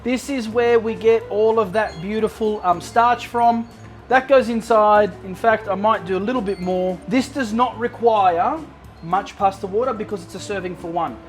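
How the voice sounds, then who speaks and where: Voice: medium pitch, moderate pace. Enthusiastic cooking show host over music. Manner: enthusiastic, exclamatory, repeats words for emphasis. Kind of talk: casual cooking demonstration, talking to viewers.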